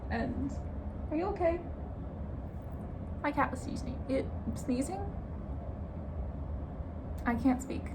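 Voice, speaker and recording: Young woman chatting at home, frank and sweary, a bit of room hiss. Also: medium pitch. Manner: candid and swears casually. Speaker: YouTuber giving advice. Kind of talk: casual advice chat.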